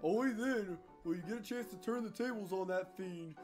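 A man reading aloud the lines of a kindly male game character giving advice, slowly and deliberately. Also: high voice, a little mellow, faint music behind, lightly acted. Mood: earnest.

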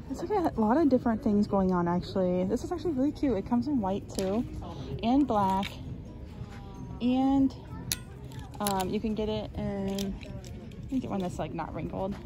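A woman's voice: mid-range voice, unhurried, long pauses, music in the background. A woman narrating a casual shop-with-me vlog on her phone, chatty and gushing, with lots of likes and ums. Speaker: shopping vlogger. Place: large retail store, indoors.

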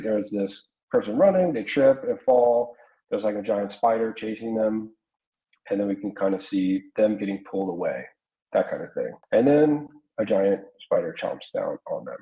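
An American art instructor in his thirties from South Carolina explains things informally in an online workshop, talking through examples at a moderate pace. His fairly low voice has lively intonation, and the webcam audio from his small home room sounds roomy and slightly dull.

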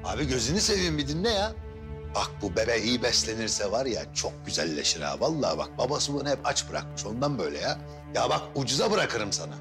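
A man's voice: mid-range voice, big pitch swings, fairly quick, music in the background. An actor playing a young street hustler, coaxing and pleading with an older man to strike a deal. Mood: wheedling.

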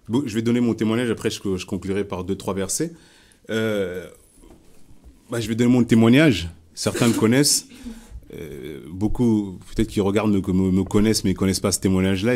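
Man from France, low and mellow voice, loose conversational preaching with many restarts. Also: a little fast. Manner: conversational, repeats words and restarts often. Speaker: Bible study leader. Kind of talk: informal preaching and testimony.

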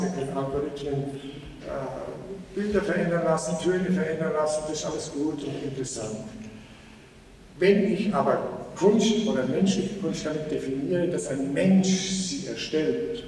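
A man's voice: a little high, normal speed, a little mellow. Male keynote speaker, earnest and persuasive, long-reverb hall with faint background noise. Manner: earnest, persuasive, with rhetorical questions to the audience. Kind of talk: conference keynote talk. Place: large conference hall. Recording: echoey hall, voice from far off.

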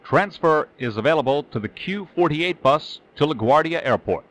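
A man's voice: a little high, animated, moderate pace. A man giving formal transfer and last-stop announcements over a subway train intercom. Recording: lo-fi loudspeaker sound.

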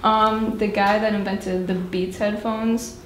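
A woman's voice: medium pitch, level tone, slow pace, natural voice. An actress playing a female journalist who teases a coworker with pushy, needling questions. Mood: teasing. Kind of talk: student short-film acting. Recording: echoey room with noise.

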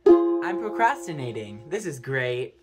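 A man's voice: medium pitch, very animated, measured pace, over loud music. A man vlogging in a casual, rambling and self-mocking way, giggling and getting distracted. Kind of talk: casual vlog chat.

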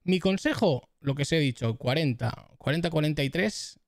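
A man's voice: on the high side, lively intonation, moderate pace, dry recording, clean studio sound. Chatty Spanish-speaking male tech streamer. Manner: chatty, addresses viewers as "chavales" and "familia"; repeats test phrases into the mic. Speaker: tech YouTuber giving mic setup tips. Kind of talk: casual tutorial. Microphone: close studio dynamic microphone.

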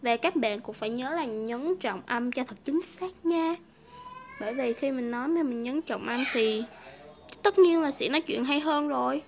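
A woman's voice: high-pitched, moderate pace, a little mellow, a little hiss or hum. A woman from Vietnam hosting a casual English lesson, chatty and repeating phrases for learners. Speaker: English teacher, video host.

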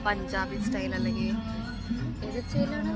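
A woman's voice: mid-range voice, normal speed. A Malayali woman chatting casually to camera as a travel vlogger, mixing English words into her Malayalam. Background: music, outdoor street and vehicle sounds.

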